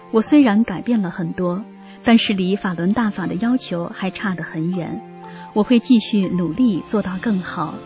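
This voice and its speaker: Woman, radio host, scripted story narration, earnest steady delivery, warm dark tone, faint music underneath. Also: medium pitch. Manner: earnest, even reading tone.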